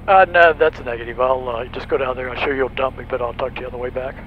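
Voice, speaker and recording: The engine drones on steadily while a private pilot who hosts videos talks fast in a medium-pitched voice, explaining things casually and calling on the radio. The small cockpit recording has a lo-fi sound.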